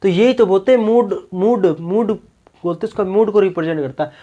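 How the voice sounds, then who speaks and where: A man's voice: high-pitched, a little fast, warm tone, muffled recording. A male teacher giving a classroom grammar lecture, peppering it with rhetorical questions and repeated "okay ji" check-ins.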